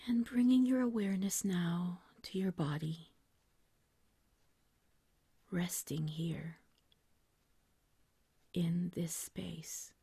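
A woman guiding a meditation like a sleep story narrator, in a soft, whispery, breathy voice with a gentle, soothing, unhurried manner. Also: fairly low pitch, steady tone, no room sound. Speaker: meditation guide.

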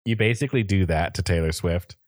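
A man's voice: low voice, a little fast, dry recording, studio quality. A young man hosting a casual podcast chat, rambling with lots of fillers and frequent laughter. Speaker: podcast host.

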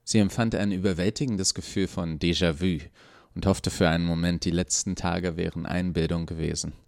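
Deep, gravelly-voiced male storyteller. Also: steady tone, normal speed, a little mellow, no echo, clean studio sound. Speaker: narrator. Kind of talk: audiobook reading of a serial story.

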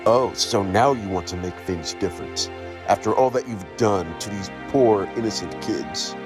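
A man voicing a stern, mocking ghost who passes judgment slowly. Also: over music, lightly acted. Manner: slow, deep, taunting. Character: stern male final ghost, mocking judge.

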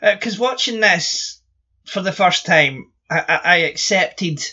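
Bright-voiced Scottish man ranting. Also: sits high, unhurried, slightly rough, highs cut off. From Scotland. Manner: blunt, swears freely, animated ranting. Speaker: podcast co-host. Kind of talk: casual chat.

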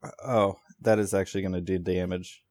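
A man's voice: sits low, flat delivery, brisk, a little mellow, dry recording. A man playing a tabletop game, dry and teasing. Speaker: player. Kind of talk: casual chat in a tabletop game.

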